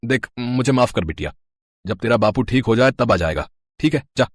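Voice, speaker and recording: A man with a mid-range, natural voice and lively intonation plays the gruff, bossy male owner of a wedding band in a story, sounding dismissive and scolding. He speaks at normal speed, recorded in a clean studio with no room sound.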